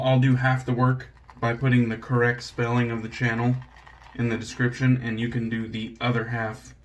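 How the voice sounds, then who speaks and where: Laid-back rambling man vlogging a shave. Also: mid-range voice. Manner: laid-back, rambling, self-deprecating, swears casually. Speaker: shaving channel host. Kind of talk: casual vlog chat while shaving.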